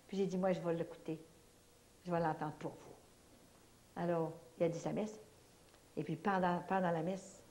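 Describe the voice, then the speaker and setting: A woman's voice: medium pitch, warm tone. A woman with a Québécois accent giving a religious testimony at a church prayer evening, telling her story vividly and acting out the dialogue. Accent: Québécois French.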